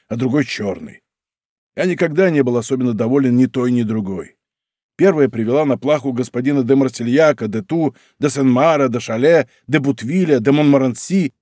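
A man's voice: medium pitch, darkish tone, no room sound, studio quality, lightly acted. A man voicing a burly, boastful old musketeer baron who speaks bluntly and heartily, in a storybook reading.

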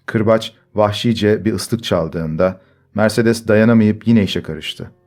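A man reading a story aloud in measured scripted narration. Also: fairly low pitch, a little mellow. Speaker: audiobook narrator. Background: faint music.

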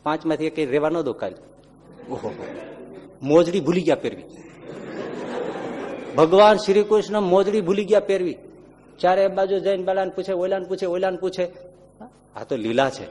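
A man giving a devotional sermon, telling stories animatedly and acting out the characters' lines with sudden loud and hushed swings. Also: sits high, animated, moderate pace, long pauses, slight background noise. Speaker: religious storyteller. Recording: long hall reverb.

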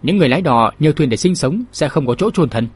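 A male narrator voicing a righteous young male martial hero in a spoken storybook, courteous and indignant, in his own husky voice. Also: fairly high pitch, animated, quick pace, no room sound. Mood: firm.

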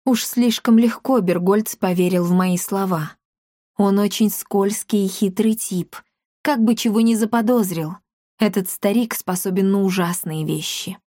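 A woman voicing a calm, concerned grown woman in a storybook reading. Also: mid-range voice, unhurried, no echo, clean studio sound, natural voice. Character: worried thoughtful grown woman.

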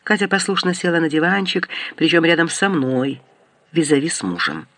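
Lively, high-voiced male audiobook narrator. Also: moderate pace, no echo. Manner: expressive, lively storytelling. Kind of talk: first-person audiobook narration.

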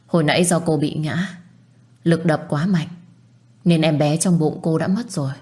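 A woman voicing a calm, sympathetic young male doctor who gives hard news gently in a read-aloud story. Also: low-pitched, normal speed, lightly acted. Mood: consoling. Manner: calm and consoling.

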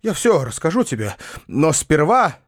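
A man voicing an excitable middle-aged landowner uncle, a former hussar, soft-hearted and prone to declaiming and shouting. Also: a little high, moderate pace, dry recording, clean studio sound, pitched above the performer's own voice. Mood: earnest. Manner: agitated, declamatory, rising to shouts. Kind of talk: audiobook character reading.

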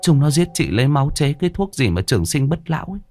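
A man's voice: on the high side, very animated, fast talker, darkish tone, faint music behind, voice pushed up. A man voicing a terrified young woman who has fled her husband's house, speaking breathlessly and in fear. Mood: frightened. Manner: breathless, frightened.

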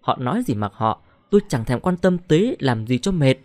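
A man's voice: medium pitch, big pitch swings, a little fast, no echo, close to an everyday voice. A man voicing an older village mother who pleads through grief. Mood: dismissive. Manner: choked, pleading.

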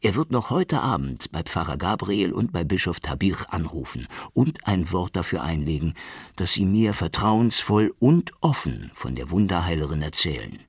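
A man's voice: low voice, very animated, moderate pace, slightly rough, no echo, clean studio sound, exaggerated voice. Man doing a cheerful Italian journalist. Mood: enthusiastic. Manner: enthusiastic, talkative. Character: cheerful Italian male journalist, eager and warm.

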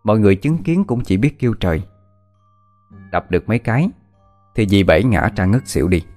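A deep-voiced man tells a scripted horror story at an even, measured pace. Soft music plays faintly beneath his voice.

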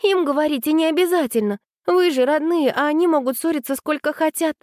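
A woman's voice: brisk, a little mellow, no echo, clean studio sound, close to an everyday voice. A woman voicing an eager, stubborn young girl. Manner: high, pleading.

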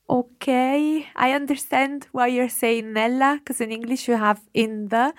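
A woman's voice: high-pitched, fairly even intonation, measured pace, no room sound, clean studio sound. A woman teaching Italian, setting translation exercises and patiently explaining the grammar. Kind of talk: language lesson.

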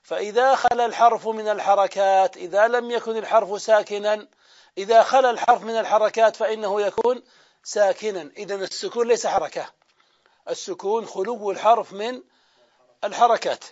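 A man's voice: high voice, a little mellow. A man teaching a classroom grammar lesson. He explains step by step, asks his own questions and answers them, and draws out example words as he repeats them. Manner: drawn-out repetition of example words. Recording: dull lo-fi lecture recording.

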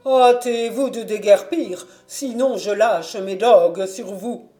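A woman reading a storybook aloud and voicing a contemptuous male castle doorman who yells at visitors. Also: mid-range voice, expressive, unhurried, natural voice. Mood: scornful. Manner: contemptuous, shouting.

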